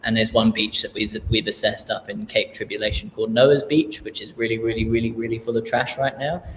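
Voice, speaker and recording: Australian male charity founder, loose rambling interview talk, monotone, echoey room. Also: lowish voice, brisk. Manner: relaxed, rambling, many fillers and restarts. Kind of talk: casual interview. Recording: echoey room with faint noise.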